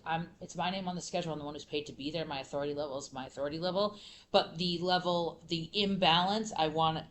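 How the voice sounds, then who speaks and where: Panel speaker, woman teacher, lowish voice, animated, lots of fillers. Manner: animated, many fillers and restarts. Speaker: middle school teacher and panelist. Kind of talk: conference panel talk.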